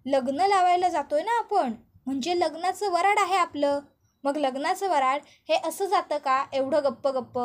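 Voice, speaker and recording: A woman's voice: high-pitched, normal speed, lightly acted. A woman reading the teasing lines of a playful young family friend in a story.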